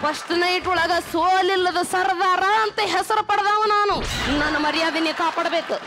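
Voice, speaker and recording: A woman's voice: extremely high pitch, fairly even intonation, normal speed. A woman playing a cheeky boastful young friend. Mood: teasing. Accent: North Karnataka Kannada. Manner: teasing, advice-giving, bursts of loud laughter. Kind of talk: stage comedy sketch. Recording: loud background noise.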